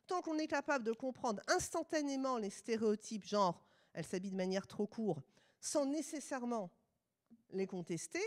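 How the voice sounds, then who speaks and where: A woman's voice: on the high side, animated, normal speed. A middle-aged woman from France with a French accent, giving a conference lecture with ironic asides.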